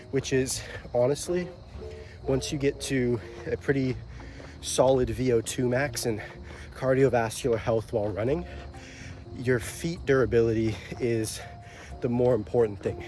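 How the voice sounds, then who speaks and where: A man's voice: mid-range voice, a little mellow. A young man talking casually to the camera in a vlog, upbeat and rambling, with a slight cold. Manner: upbeat, chatty, loose and rambling. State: out of breath after a run. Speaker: vlogger. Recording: faint music behind.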